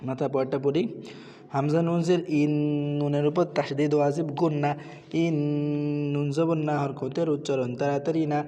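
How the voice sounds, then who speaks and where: A man's voice: fairly high pitch, fairly even intonation, moderate pace, dark tone, long reverb tail. A man teaching Quran recitation, patiently spelling out letters and vowel marks and repeating each word before reciting it.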